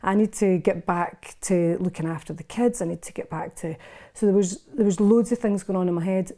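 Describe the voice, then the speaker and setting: In a casual interview, a fifty-something Scottish podcast guest shares her personal story without holding back, frequently starting over. Her voice is warm and mid-range.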